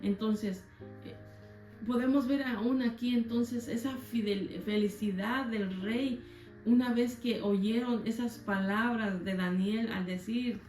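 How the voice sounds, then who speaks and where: A woman's voice: mid-range voice, darkish tone. A woman leading a Bible study in earnest, conversational Spanish-language teaching, often restarting her words. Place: church meeting room. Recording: roomy church echo with faint guitar.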